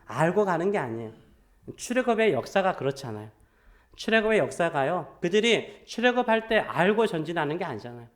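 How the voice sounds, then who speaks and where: Male pastor preaching, pretty high voice, storytelling, keeps asking the crowd questions. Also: big pitch swings, a little fast. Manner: storytelling with frequent questions to the congregation. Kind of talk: sermon.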